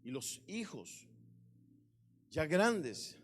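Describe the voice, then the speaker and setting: A male pastor preaching a sermon with passion, swinging into sudden loud emphatic bursts. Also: on the high side, sing-song, extremely slow, soft background music. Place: church.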